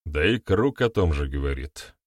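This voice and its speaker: A man's voice: extremely low pitch, animated, normal speed, dry recording, clean studio sound, voice pushed down. A man voicing a gloomy, cold older male clan leader who speaks harshly.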